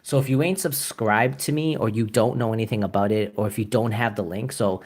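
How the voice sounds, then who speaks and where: Chatting loosely to his audience while painting on a live stream, a Canadian man rambles, chuckles and leans on plenty of fillers. He speaks a little fast in a lowish, darkish voice.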